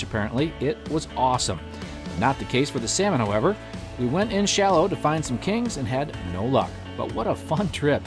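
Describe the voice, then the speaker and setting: A man narrates an outdoors show as its host, upbeat and enthusiastic. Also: a little high. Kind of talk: scripted narration.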